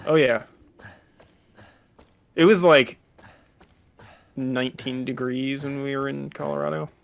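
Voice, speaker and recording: A man from California in his thirties talks at a middle pitch, easygoing and talkative. He stretches his explanations out with "like" and "uh" as he chats beside a game. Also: steady tone, slow, creaky, no room sound. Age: 30s. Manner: chatty, explains at length with fillers. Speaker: let's play co-host. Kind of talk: casual gameplay chat.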